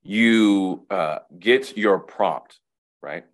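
Speaking very slowly in a voice that sits low, a counselor joins a casual webinar conversation as a guest. His reflective talk is full of restarts and repeated words.

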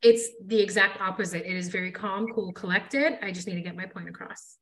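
A woman's voice: medium pitch, fairly quick, fairly bright tone. A woman hosting a casual podcast chat, talking emphatically and addressing listeners directly. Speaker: podcast host, hair educator.

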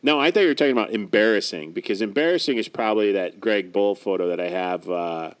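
A soft-spoken man chatting casually as a podcast co-host, speaking in a hesitant, halting way. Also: lowish voice, smooth. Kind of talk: casual chat.

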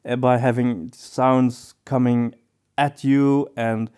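Speaking slowly with a level, smooth, darkish voice of medium pitch, this podcast co-host talks casually. His discussion is thoughtful, and his phrasing often hesitates.

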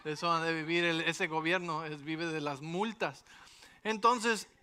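Bright-voiced animated pastor. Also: male voice, fairly high pitch, measured pace, a little hiss or hum. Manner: animated storytelling with frequent rhetorical asides. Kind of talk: sermon with personal story.

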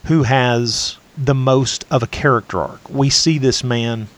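A man co-hosting a casual film podcast, talking in a measured, analytical way. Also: medium pitch. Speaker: podcast co-host.

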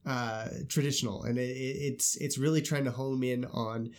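A man's voice: mid-range voice, steady tone, moderate pace. A male podcast co-host chatting casually with a congested, stuffy-nosed voice, breathing through his mouth as he recovers from a sinus illness. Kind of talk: casual chat.

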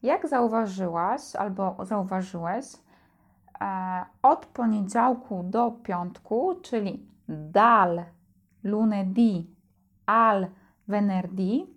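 Slow-speaking woman teaching Italian. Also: mid-range voice. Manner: slow, clear, repeats words for learners. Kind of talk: slow language lesson.

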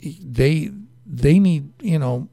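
A man's voice: fairly high pitch, very slow, vocal fry, warm tone, no room sound, clean studio sound. A man hosting a local radio interview show, talking in a rambling way and often correcting himself. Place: radio studio. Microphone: studio microphone.

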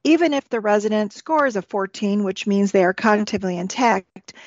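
A woman's voice: medium pitch, expressive, brisk, no echo. Dry, muffled female instructor. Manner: formal, instructional. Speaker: expert guest. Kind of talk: scripted educational podcast discussion. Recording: dull, lo-fi podcast audio.

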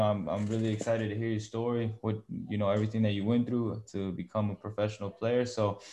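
A man's voice: medium pitch, a little mellow. A man hosting an interview show, speaking informally and chummily as he puts questions to his guest. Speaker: podcast host and interviewer.

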